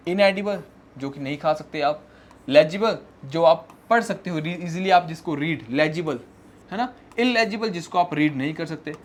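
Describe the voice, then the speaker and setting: In a lecture mixing Hindi and English, a man with a high-sitting voice teaches English vocabulary for an exam. He reads the definitions slowly and keeps checking in with students through tag questions.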